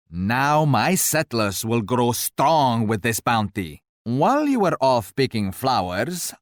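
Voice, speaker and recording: A male actor playing an arrogant, mocking Portuguese royal conqueror in a video game, speaking in a haughty, theatrical, deliberate way. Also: medium pitch, dry recording, clean studio sound. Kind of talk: scripted video game taunts.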